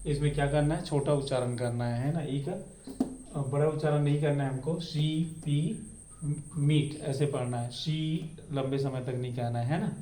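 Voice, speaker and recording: A man's voice: medium pitch, fairly even intonation, warm tone. A man teaching an English pronunciation lesson. He asks himself questions and answers them, and keeps checking in with "है ना". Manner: slow and repetitive, asks a question then answers it, keeps adding "है ना". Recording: echoey room with faint background noise.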